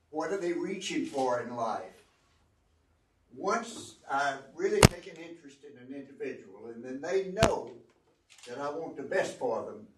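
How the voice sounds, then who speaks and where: A man's voice: medium pitch, slight background noise. An older man gives an earnest, folksy talk about running a business. He repeats key phrases for emphasis. He stands back from the microphone, and his voice rings in a roomy hall. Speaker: guest speaker, entrepreneur. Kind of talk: informal talk to a student audience. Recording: roomy echo, distant mic.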